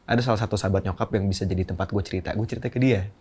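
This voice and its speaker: A man's voice: on the low side, fairly even intonation, racing, a little mellow, slightly rough. A young man, a podcast guest, telling a candid, emotional personal story in slangy casual speech.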